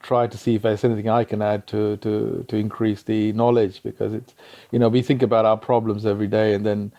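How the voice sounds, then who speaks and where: Low, gravelly-voiced man. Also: little pitch movement. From East London, England. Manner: halting, many restarts, modest and soft-spoken. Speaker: guest, company founder. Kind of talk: casual interview.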